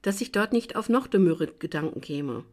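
Audiobook: a wry, bitter young barfly, mocking tone, lowish voice, read by a woman. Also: expressive, normal speed, a little mellow. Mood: urging. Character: bitter, sardonic young man drinking at a bar. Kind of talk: audiobook reading.

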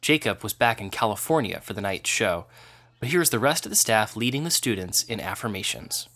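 A man, the program director, giving an even, informative scripted voice-over narration. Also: fairly low pitch, brisk.

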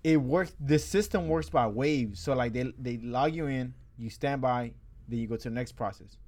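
A man's voice: medium pitch, normal speed, a little mellow. A young man telling a long story in casual chat, slangy and rambling, laughing as he goes. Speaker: storyteller among friends.

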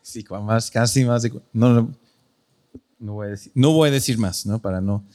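A man's voice: medium pitch, normal speed, darkish tone. A male pastor preaching a sermon in an earnest, conversational way, often correcting himself.

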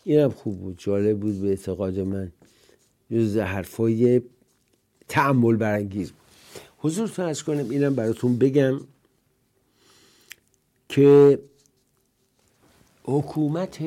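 A man's voice: medium pitch, warm tone. An older man hosting a political commentary show, talking in a rambling, conversational monologue and reciting the odd verse. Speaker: host.

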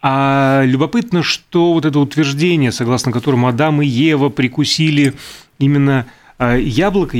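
Man, co-host, casual trivia chat, frequent fillers, self-correcting, mid pitch. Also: a little mellow.

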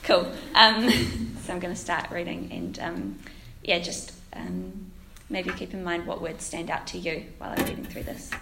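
Croaky young New woman with creaky starts. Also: fairly low pitch, unhurried, hardly any pauses. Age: 20s. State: has a cold, croaky voice. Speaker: guest speaker at a church. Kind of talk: informal sermon with scripture reading. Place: echoing church room, handheld microphone. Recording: roomy echo with faint noise.

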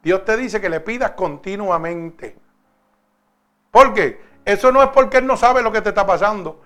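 A man's voice: high-pitched, expressive, moderate pace, a bit bright. A man preaching a sermon, stretching out key phrases and telling stories in an emphatic cadence.

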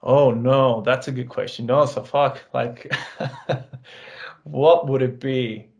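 Slow, gravelly-voiced man chatting. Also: medium pitch, lo-fi sound. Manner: relaxed, laughing, swears casually. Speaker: band member, guest. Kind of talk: casual interview chat.

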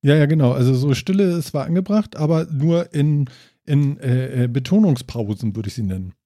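A man's voice: mid-range voice, normal speed, dark tone, no room sound, clean studio sound. A man hosting a casual podcast chat, rambling and joking loosely. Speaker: podcast host.

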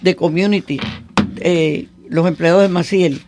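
A woman's voice: on the low side, measured pace. A woman being interviewed as a guest, talking off the cuff in Spanglish, dropping English words into her Spanish. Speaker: interview guest, community aid worker. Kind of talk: unscripted radio interview.

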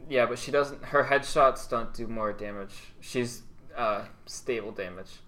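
A man co-hosting a casual podcast, quick to chime in and correct with dry remarks. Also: mid-range voice, pushed and bright. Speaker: podcast co-host. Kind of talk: casual chat.

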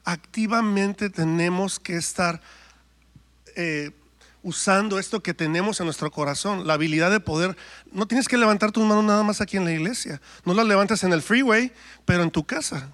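Here the man's voice is high and a bit bright, at a normal speed. He is a worship singer from Mexico giving a testimony and sermon in church, acting out the dialogue he quotes.

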